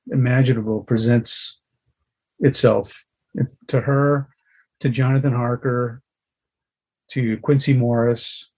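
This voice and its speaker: A middle-aged concept artist from Los Angeles, appearing as a guest in a casual interview, animatedly retells a story and gives voice to his character's thoughts. He speaks with a medium-pitched, somewhat dark voice.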